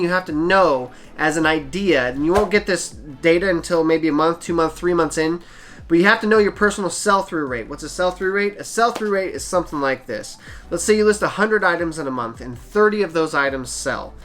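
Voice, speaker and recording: A man's voice: high-pitched, bright, forceful tone. A man hosting his own channel, giving practical selling advice in a casual, plain-spoken way. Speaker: channel host, eBay seller. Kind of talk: casual how-to talk to camera.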